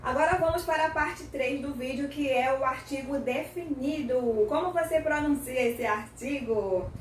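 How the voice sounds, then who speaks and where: A woman's voice: high-pitched, normal speed, distant mic, a little hiss or hum. A Brazilian woman teaching an English lesson, explaining patiently and checking in often with her listeners. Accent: Brazilian Portuguese. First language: Portuguese. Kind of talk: language lesson. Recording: echoey room, voice from off-mic.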